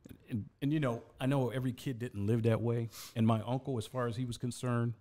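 A man's voice: mid-range voice, fairly even intonation, brisk, mellow. A man who is a podcast guest, telling stories from his life in a casual studio chat, earnest and often restarting with repeated words.

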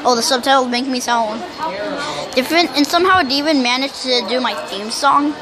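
A youngster who can't pronounce R's, saying w instead, rambling loudly through casual gameplay commentary. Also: high-pitched, a little fast, crowd noise, rough recording. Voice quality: speech impediment, cannot say R's correctly, says w for r. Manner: rambling, self-described loud talker. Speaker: YouTuber.

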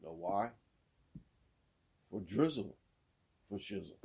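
A man's voice: lowish voice, slow pace, vocal fry, husky. A man hosting a sports podcast, telling corny jokes in a casual way and laughing at his own punchlines. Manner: lively, swings between loud and mumbled. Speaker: podcast host.

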